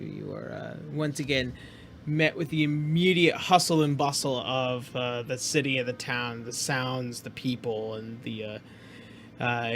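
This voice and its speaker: A man hosting a casual tabletop game as game master, talking in a halting, hesitant way. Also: medium pitch, a bit bright, slight background noise.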